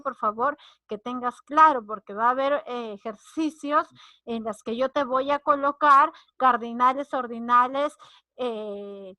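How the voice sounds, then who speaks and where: A woman's voice: high voice, sharp tone, dry recording. A woman teacher, explaining grammar and acting out short example lines. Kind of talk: online grammar lesson.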